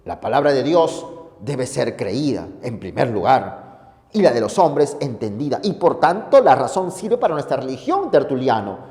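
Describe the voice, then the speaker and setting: A man's voice: mid-range voice, big pitch swings, normal speed, darkish tone. A man playing a wise male saint who reasons patiently in a fatherly, lecturing way. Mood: reasoning. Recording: echoey hall reverb.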